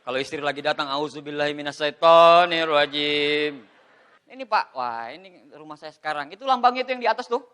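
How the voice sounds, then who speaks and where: A middle-aged man with a high, bright voice gives an animated motivational seminar talk. He jokes with the audience and points to photos as he speaks. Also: rapid-fire, few pauses. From Indonesia. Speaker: network marketing motivational speaker.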